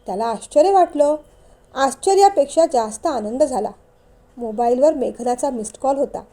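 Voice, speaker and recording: A woman narrating an emotional family story in a calm, measured reading. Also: high voice.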